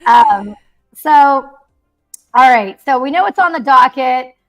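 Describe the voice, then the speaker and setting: A woman's voice: high-pitched, lively intonation, a little slow, a bit bright, soft background music. Giggly, chatty young woman host. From Mexico City, raised in the Bay Area. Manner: chatty, giggly, rambling with many fillers. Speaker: podcast host. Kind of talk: casual livestream chat.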